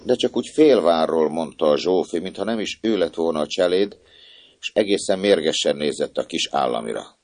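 A man reading a novel aloud as a narrator, expressive and acting out the characters. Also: low voice, dry recording.

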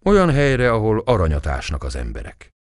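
A man's voice: on the low side, wildly swooping pitch, no room sound, studio quality. A man voicing an earnest young lover. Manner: earnest, solemn.

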